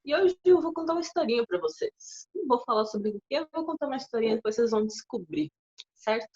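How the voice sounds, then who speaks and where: A woman in her thirties from southern Brazil, co-hosting a casual chat and telling a story in a chatty, animated way. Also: high voice, fast talker, soft background music. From far west of Santa Catarina, Brazil. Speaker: co-host. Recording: dull lo-fi audio.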